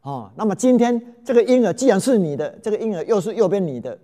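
A man playing a young king who speaks gravely and proclaims justice in a loud voice. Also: high-pitched, very animated, fast, voice pushed up. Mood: solemn. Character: young male king, solemn and just.

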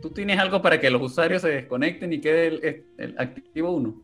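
Joking co-host, man, high voice, loud banter with mock-formal bits, faint music underneath. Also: a little fast. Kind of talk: casual live-stream banter.

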